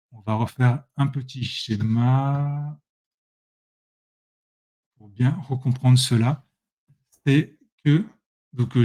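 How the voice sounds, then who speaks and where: Warm and mid-range, this male presenter's voice guides a relaxed screen-share tutorial on software. He addresses his audience head-on, chatting freely and fixing his own slips as he goes.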